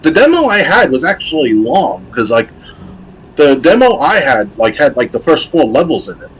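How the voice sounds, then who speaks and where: A man's voice: a little high, moderate pace, poor audio. Easygoing male gaming podcast host. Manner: relaxed and nostalgic in chat, steady when reading news. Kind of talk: casual gaming chat and reading gaming news.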